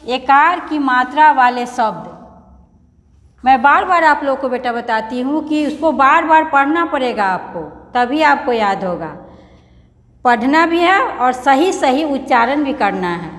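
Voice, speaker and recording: High-voiced woman teacher in an echoey room. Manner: patient, repeats words and spells them out slowly; calls the pupils "beta" affectionately. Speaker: primary school teacher. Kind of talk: recorded online lesson for young children. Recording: echoey room, long reverb.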